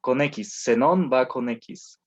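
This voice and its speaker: Man dictating a class over a call. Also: medium pitch. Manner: slow dictation with frequent fillers and repetitions. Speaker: teacher. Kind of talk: online class lecture, dictating notes. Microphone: video call. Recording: dull lo-fi online call audio.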